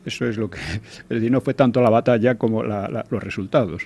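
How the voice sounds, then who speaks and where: A man's voice: fairly low pitch, a little fast, a little mellow, breathy edge. An older man giving conversational commentary as a regular guest, hesitant, with frequent restarts and tag questions.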